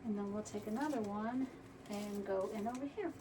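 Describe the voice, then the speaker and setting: A woman's voice: mid-range voice, normal speed. A woman, chatting casually through a crafting tutorial and muttering to herself as she works. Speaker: wreath-making tutorial host. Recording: distant mic, faint background noise.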